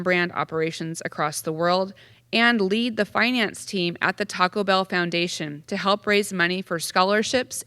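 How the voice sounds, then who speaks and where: A woman moderating a panel, reading out a speaker's introduction in a formal, measured way. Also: medium pitch, a bit bright, clean tone, dry recording. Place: library theatre stage.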